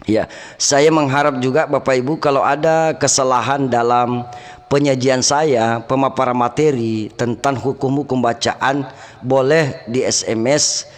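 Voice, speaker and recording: A man teaching Quran recitation rules, chanting verses slowly and melodically between plain explanations. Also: mid-range voice, long reverb tail. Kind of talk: tajwid lesson with chanted recitation.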